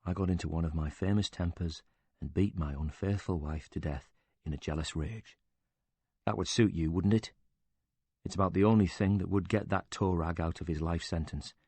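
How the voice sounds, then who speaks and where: A man voicing a bitter, quick-tempered older widower who talks with indignant sarcasm and swears freely. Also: low-pitched, darkish tone, husky, dry recording.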